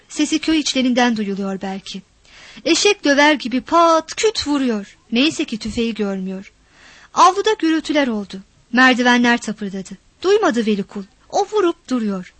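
A woman reading a story aloud with expressive, dramatic narration. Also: a little high, no room sound.

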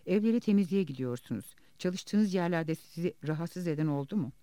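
A man reading the part of a gentle interviewer in an audiobook, asking careful, probing questions. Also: fairly high pitch, animated, moderate pace, clear, resonant tone, no room sound, close to an everyday voice.

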